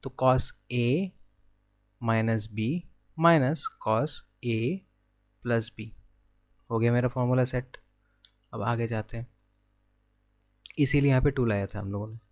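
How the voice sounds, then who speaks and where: A man's voice: mid-range voice, takes it slowly, pauses often. A young man with an Indian accent giving a physics exam-prep lecture, working through problems step by step and asking himself questions before answering them. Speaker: physics teacher.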